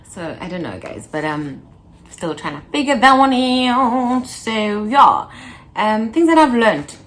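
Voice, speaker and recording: A woman's voice: on the high side, animated, slow, a bit bright. A woman in her twenties chatting casually to her viewers in a vlog, playful and talkative, breaking into little laughs and snippets of song. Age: 20s. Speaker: vlogger. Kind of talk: casual chat to camera.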